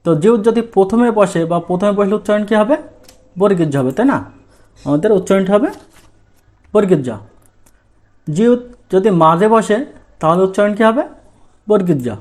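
A man's voice: high voice, fairly quick, long pauses, darkish tone. A male language teacher giving a lesson, asking questions and answering them himself. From Bangladesh. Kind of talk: lesson in Bengali.

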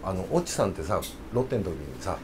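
Lively storytelling middle-aged man. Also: low voice, quick pace, noisy background. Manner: rambling anecdotes, tag particle さ. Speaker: guest, former pro baseball player. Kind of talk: casual chat.

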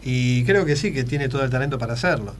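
A man's voice: mid-range voice, fast, slight background noise. A middle-aged man with an Argentine accent, a guest impressionist on a radio show who chats, jokes and tells stories. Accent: Argentine Spanish. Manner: chatty joke-telling storyteller. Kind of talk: casual radio interview. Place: radio studio.

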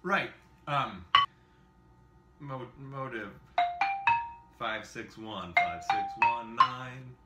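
Speaking very slowly with long pauses, a xylophone teacher in his thirties rambles through a casual lesson at home in his kitchen, poking fun at himself with lots of fillers and little laughs. His pitch is medium, and he talks over loud music. The camera is in front of him at a short distance, picking up kitchen echo and xylophone sounds.

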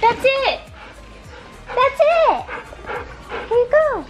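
A woman talking to her dogs in a high, cooing pet voice with slow, exaggerated praise. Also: big pitch swings, muffled recording, loud music behind the voice, exaggerated voice. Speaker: dog owner. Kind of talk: high sing-song pet talk.

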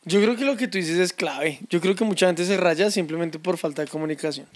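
A man's voice: high voice, brisk. A young man in casual church-group chat, easygoing and joking. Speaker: youth church band member.

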